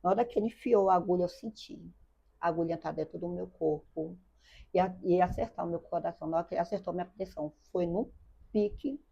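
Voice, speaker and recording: Gravelly older Brazilian woman, earnest storytelling. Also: lowish voice, fast, warm tone. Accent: Brazilian Portuguese. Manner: earnest, repeats phrases, addresses the host by name. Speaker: interview guest. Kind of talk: emotional personal storytelling. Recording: dull lo-fi sound.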